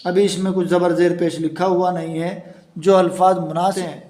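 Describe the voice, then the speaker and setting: A man leads a patient reading lesson, breaking each letter down and repeating the sounds so learners can follow. His voice sits a little high for a man. The room around him is noticeably echoey. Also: level tone, a little mellow. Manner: spells out letter sounds slowly and repeats them. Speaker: Urdu reading teacher. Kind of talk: slow step-by-step reading lesson.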